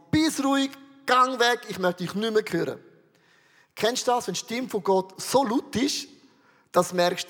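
A man's voice: high voice, long reverb tail. A man preaching a sermon in a Swiss German accent, earnestly putting questions straight to his listeners. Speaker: pastor.

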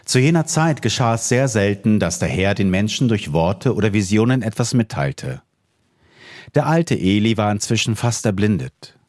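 A man's voice: fairly low pitch, very animated, normal speed, a little mellow, dry recording, clean studio sound. A man reading a Bible story aloud as a dramatized narration. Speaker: scripture reader.

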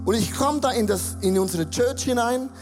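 An earnest pastor preaches from a church stage, voice in the middle of the range. Prayers and dialogue are acted out with conviction, and soft music plays faintly underneath. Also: medium pitch, moderate pace, big-room sound. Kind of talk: sermon.

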